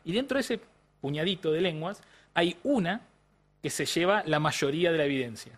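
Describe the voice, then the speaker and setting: A man's voice: a little high, expressive, moderate pace. An Argentine man with a slightly raised voice explains brain and language research in an interview. He talks like a patient teacher, restarting phrases and often checking that the listener follows. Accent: Argentine Spanish. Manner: frequent restarts and hesitations. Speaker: language neuroscientist guest.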